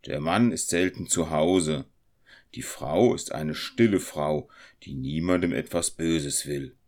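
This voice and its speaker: A steady carter in a storybook who speaks slowly and deep, with a calm, reassuring manner, voiced by a man reading the tale. He sounds unhurried. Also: full character voice. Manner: slow, reassuring.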